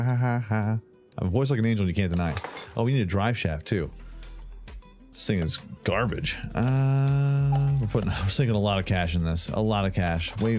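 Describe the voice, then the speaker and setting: Goofy and playful, this gaming host narrates his hot rod restoration, singing bits of songs and making silly noises along the way. He has a lowish, slightly mellow voice, and game music plays softly behind him.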